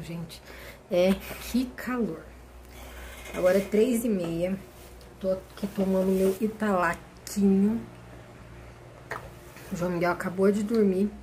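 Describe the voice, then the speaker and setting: A young woman talks straight to her viewers in a chatty vlog, calling out to them often as she works on cakes. She speaks at a middle pitch, recorded on a phone at home. A faint noise sits in the background. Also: mellow. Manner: chatty, keeps addressing viewers as "gente". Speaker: cake decorator vlogger. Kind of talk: casual vlog narration.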